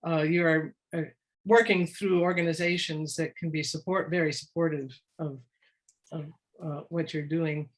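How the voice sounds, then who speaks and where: A woman's voice: low voice, steady tone, normal speed. A woman presenting in a webinar as an education expert, speaking encouragingly and often restarting mid-sentence. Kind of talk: webinar discussion.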